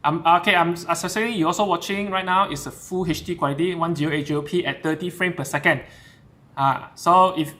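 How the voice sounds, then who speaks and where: A man's voice: on the high side, steady tone, brisk, pushed and bright. A man hosting a live stream, talking casually through his setup with lots of fillers and restarts. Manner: chatty, switches between English and Mandarin, many fillers and restarts. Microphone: camera shotgun mic.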